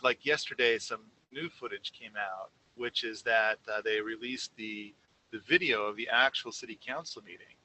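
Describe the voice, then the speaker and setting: A man co-hosts a casual podcast, rambling through a story full of fillers and restarts. His mid-range voice is bright and forceful, and the low-quality recording carries slight background noise.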